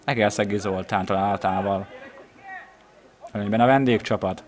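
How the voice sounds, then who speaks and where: Male football commentator, lowish voice, measured play-by-play that lifts at chances, recorded outdoors at the ground. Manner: measured, rising excitedly at chances. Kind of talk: live match commentary of amateur regional football.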